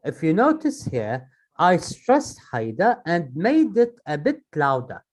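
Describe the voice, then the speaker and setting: Slow emphatic teacher. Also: medium pitch, wildly swooping pitch, a little mellow. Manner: slow, emphatic, repeats key points. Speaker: IELTS speaking teacher. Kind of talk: live online class.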